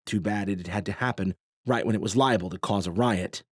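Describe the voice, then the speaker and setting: A man narrating a novel in a steady, measured way. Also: fairly low pitch, husky, no echo, clean studio sound. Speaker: audiobook narrator. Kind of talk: scripted narration.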